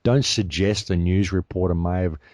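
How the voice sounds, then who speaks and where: Deep-voiced man talking with passion. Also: moderate pace, a little mellow, no echo, studio quality. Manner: passionate, insistent, repeats himself for emphasis. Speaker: guest commentator. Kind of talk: impassioned radio talk.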